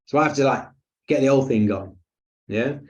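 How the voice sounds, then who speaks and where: A man's voice: medium pitch, moderate pace. A man teaching a breathing webinar in a chatty, jokey way with lots of fillers and asides. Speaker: breathing coach.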